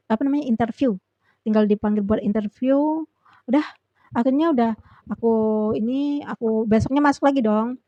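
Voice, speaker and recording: A woman's voice: on the high side, mellow, no echo, lo-fi sound. A young woman vlogger telling a personal story in a casual, rambling way with many fillers.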